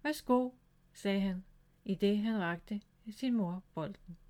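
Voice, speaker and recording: A woman reading a children's storybook aloud in a calm, gentle storytelling way. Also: mid-range voice. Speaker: storybook reader.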